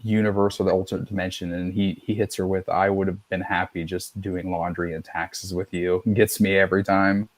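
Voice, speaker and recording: A man's voice: sits low, little pitch movement, fairly quick, few pauses, no echo. A middle-aged man hosting a podcast, chatting casually in a loose, rambling way and swearing freely. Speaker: podcast host. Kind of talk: casual chat.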